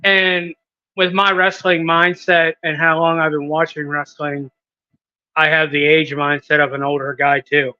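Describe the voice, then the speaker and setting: A man's voice: on the high side, little pitch movement, unhurried, pushed and bright, no echo, lo-fi sound. A man in his thirties, a wrestling promoter, talking in a casual podcast interview with hesitant ums and restarts. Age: 30s.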